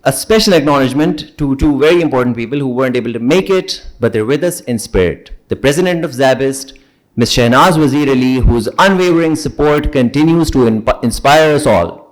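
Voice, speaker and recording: Young man, Pakistani accent, medium pitch, ceremony host, playful banter. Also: expressive, fairly quick, low-quality recording. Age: young adult. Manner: playful, teasing. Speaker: event host. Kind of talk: ceremony hosting with casual banter.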